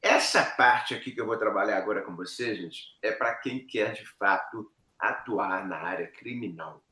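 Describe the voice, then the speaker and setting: A middle-aged Brazilian man teaching a live online law class, lively and addressing his students directly. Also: fairly low pitch, moderate pace. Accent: Brazilian Portuguese. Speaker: law professor. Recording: echoey room.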